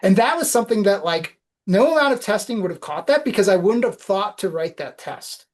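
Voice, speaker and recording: A woman's voice: mid-range voice, animated, brisk. A woman guest on a podcast, telling reflective anecdotes in a casual interview.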